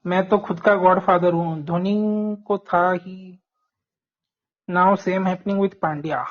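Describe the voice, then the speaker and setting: A man's voice: high voice, fairly even intonation, slow pace. An Indian man chatting casually as a panelist on a live cricket watch-along. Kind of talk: casual chat. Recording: dull, lo-fi voice audio.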